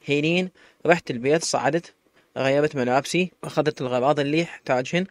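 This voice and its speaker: A man with an Iraqi accent narrating a first-person story in a brisk, running read. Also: on the high side, no echo. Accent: Iraqi Arabic.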